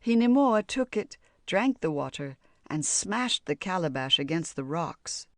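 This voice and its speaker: A woman narrating a children's fairy tale audiobook in a calm, measured storybook voice. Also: on the low side, no room sound, clean studio sound.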